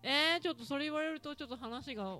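A woman's voice: high voice, fast, music in the background. A woman with an Ehime accent hosting a casual talk show, chatty and teasing and laughing often. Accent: Ehime Japanese. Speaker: podcast host talking with her daughter. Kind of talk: casual talk radio chat.

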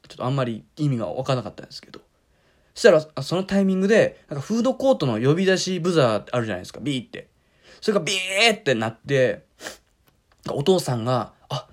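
A young man telling a funny anecdote in a casual, wry way on a talk app, acting out the people he quotes. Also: medium pitch. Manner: animated, wry storyteller who acts out the people he quotes.

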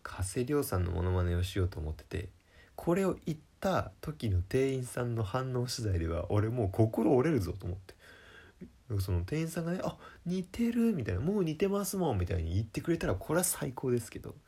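A man's voice: mid-range voice, big pitch swings, a little fast, vocal fry, warm tone, breathy edge. A young man, a comedian, talking through a casual monologue in a chatty, self-deprecating way with lots of fillers.

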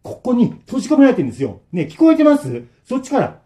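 A man's voice: sits high, big pitch swings, mellow, pitched above the performer's own voice. A man voicing a panicked young man trapped behind a locked door, pleading and apologizing in a rush. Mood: exasperated. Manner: frantic, apologetic, rushed pleading.

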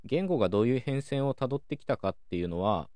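A man hosting a calm solo talk show, explaining things in a measured way with many soft fillers. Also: mid-range voice, no echo. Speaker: podcast host.

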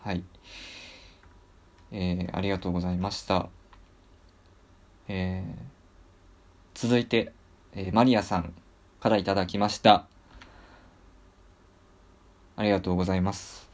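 A man's voice: sits low, steady tone, moderate pace, long pauses. A man hosting a casual talk show, speaking politely with many hesitant fillers. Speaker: podcast host.

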